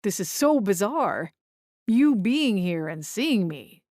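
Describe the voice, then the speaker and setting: A woman's voice: mid-range voice, sing-song, a little mellow, no echo, studio quality. Hesitant, bewildered male ghost voiced by a woman. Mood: bewildered, subdued. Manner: hesitant, halting. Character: bewildered, forlorn male ghost of a funeral worker. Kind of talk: audiobook character voice.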